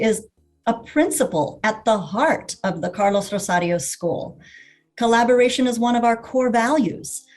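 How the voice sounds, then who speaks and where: A woman on a school's staff giving a prepared welcoming speech in an earnest, measured way. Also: medium pitch. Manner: earnest, measured, listing values one by one.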